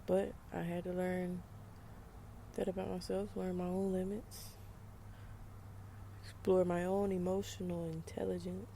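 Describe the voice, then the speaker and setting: Southern US woman, casual vlog monologue, mellow warm tone, frank and emphatic with conversational asides. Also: lowish voice, little pitch movement, measured pace, vocal fry, long pauses, a little hiss or hum. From United States. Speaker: vlogger.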